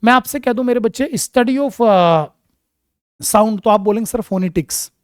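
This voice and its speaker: A man's voice: extremely high pitch, smooth, dry recording. Male vocabulary teacher, fond and coaxing with students, quizzes them and answers himself, dry close recording. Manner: calls students "my child" and "darling", asks and answers his own questions; mixes English terms into quick Hindi explanations. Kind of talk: exam vocabulary lesson.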